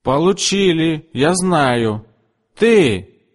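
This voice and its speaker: A man voicing a bossy, heavyset older woman customer in a story reading, with a shrill, demanding manner. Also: lively intonation, extremely slow, big-room sound, heavily acted. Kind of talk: audiobook character voice.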